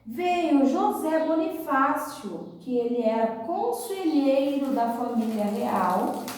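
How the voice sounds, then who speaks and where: A woman's voice: high-pitched, darkish tone, distant mic, slight background noise. A Brazilian woman teaching preschoolers like a kids show host, explaining simply and repeating herself as she tells a story to small children. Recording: very echoey room, away from mic.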